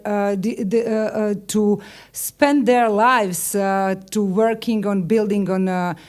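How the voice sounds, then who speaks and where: A woman with a Croatian accent delivers formal opening remarks at a medium pitch. Her English is non-native and halting, with articles often left out. She speaks as a union leader addressing a conference. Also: fairly even intonation, a little mellow.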